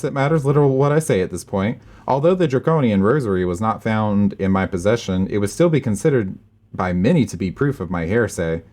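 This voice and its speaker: A man's voice: medium pitch, a little mellow. A man voicing an earnest, courteous young noble lord, reading game dialogue aloud in a formal, dramatic tone.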